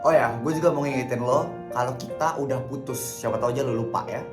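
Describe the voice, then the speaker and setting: A man's voice: medium pitch, fast, lightly acted. A man voicing a cheeky, teasing teenage schoolboy in a comedy skit. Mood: cool. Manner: teasing, playful. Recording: roomy recording with background music.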